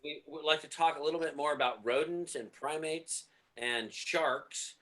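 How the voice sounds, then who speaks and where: Hesitant male host, bright voice. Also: fairly high pitch, moderate pace. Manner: hesitant, many ums and uhs. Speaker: show host. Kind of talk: casual live-stream banter.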